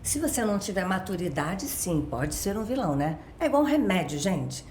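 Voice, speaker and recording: A woman's voice: on the low side, sing-song, brisk, darkish tone, slight background noise. Talkative carioca woman, roomy sound. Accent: Rio de Janeiro Portuguese. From Brazil, born in Minas Gerais. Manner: talkative, explains with everyday examples, frequent tag questions. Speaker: guest expert. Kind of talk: casual explanatory chat.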